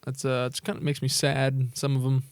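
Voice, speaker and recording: A man's voice: medium pitch, completely flat delivery, no echo, clean studio sound. A young man co-hosting a podcast, chatting casually and agreeing readily with his friend. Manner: quick, agreeable back-and-forth, many short replies. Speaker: podcast co-host. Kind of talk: casual chat.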